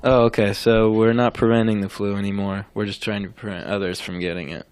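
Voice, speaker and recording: A man's voice: fairly low pitch, flat delivery, brisk, darkish tone, clear, resonant tone, dry recording. A man co-hosting a radio show, chatting casually with a joking, teasing manner. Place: radio studio.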